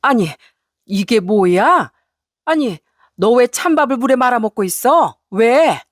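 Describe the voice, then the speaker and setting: A woman voicing a furious, domineering older mother-in-law who scolds in a shrill, shouting voice. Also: animated, a little slow, no room sound, clean studio sound, close to an everyday voice. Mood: furious scolding.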